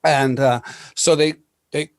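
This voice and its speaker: A man hosting a casual chat, telling stories in an animated way with laughs and many restarts. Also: medium pitch, slow pace, vocal fry, clear, resonant tone, no room sound. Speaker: podcast host.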